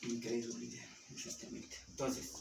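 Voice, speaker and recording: A man's voice: medium pitch, little pitch movement, normal speed, vocal fry, a little mellow. A man with a Mexican Spanish accent, preaching as pastor and quizzing his congregation with questions as he teaches. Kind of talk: sermon. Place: church hall. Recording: roomy, distant mic with some noise.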